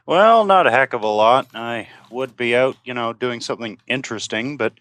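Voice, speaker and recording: A man with a middle-pitched voice rambles through a story, full of fillers and restarts. His voice sits on a dry, close voice-chat mic with no room sound. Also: moderate pace, fairly bright tone, no room sound. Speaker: guest on a stream. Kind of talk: casual chat over voice call.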